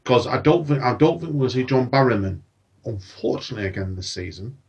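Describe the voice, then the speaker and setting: A man's voice: medium pitch, a little fast, darkish tone, husky, far from the mic, highs cut off. A man hosting a casual chat about films and TV, asking questions and sometimes mixing up his words. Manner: chatty, loses his words, asks questions. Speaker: podcast host.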